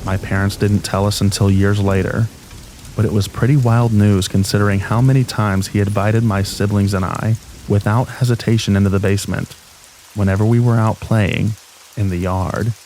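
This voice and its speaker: Guy with a lowish voice reading scary bedtime stories, calm n steady, rain going in the background. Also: moderate pace, a little hiss or hum, rough recording. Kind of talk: scripted horror story narration for sleep. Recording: steady rain sound behind voice. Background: rain ambience.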